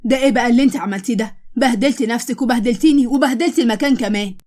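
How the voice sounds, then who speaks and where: A woman's voice: on the high side, rapid-fire, mellow, natural voice. A woman voicing a brusque, teasing young husband, with an Egyptian Arabic accent, in a storybook tale. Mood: scolding.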